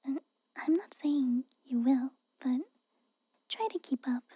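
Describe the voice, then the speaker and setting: Here a woman plays a haughty, guarded young tsundere maid of a castle, whispering intimately for a fantasy ASMR roleplay recorded dry. Her high, breathy tone stays very mellow and unhurried, broken by hesitant pauses, as she chides with reluctant care in an exaggerated voice.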